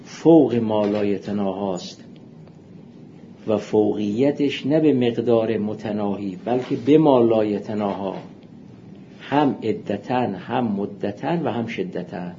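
A man giving a seminary philosophy lecture, explaining texts in a measured way and reading out quotations. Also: on the low side, warm tone. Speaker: philosophy teacher. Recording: muffled lo-fi recording with faint hiss.

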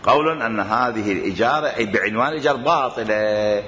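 A man's voice: medium pitch, quick pace, a little hiss or hum. A man with an Iraqi Arabic accent teaching a jurisprudence lesson, arguing his points and firing rhetorical questions. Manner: animated, argumentative, fires rhetorical questions. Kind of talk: religious jurisprudence lecture. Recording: echoey hall, dull lo-fi sound.

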